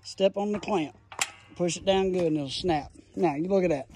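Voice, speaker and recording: Man, high-pitched voice, chatty and excited DIY reviewer, phone mic, faint noise behind. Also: moderate pace. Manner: enthusiastic, folksy, rambling explanations. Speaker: tool reviewer. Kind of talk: casual phone-filmed tool review. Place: outdoors in a gravel yard, then a garage. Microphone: phone camera held in hand.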